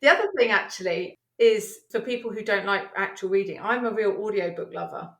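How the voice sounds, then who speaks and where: A woman guest on a podcast, talking through her work in an animated, chatty way and laughing easily. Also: medium pitch, fairly quick. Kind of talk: conversational interview. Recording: roomy echo.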